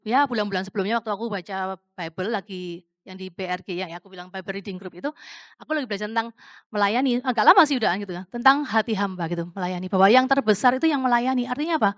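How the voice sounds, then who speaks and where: A woman's voice: mid-range voice, quick pace, dry recording, clean studio sound. A woman preaching a casual, testimony-style sermon, chatty and conversational, dropping English words into her talk and asking the congregation questions.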